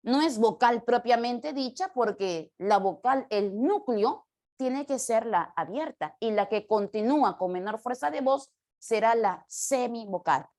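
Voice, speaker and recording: A woman's voice: a little high, lively intonation, unhurried, darkish tone. A woman teaching a grammar class, explaining step by step and asking the students questions. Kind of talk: classroom lecture.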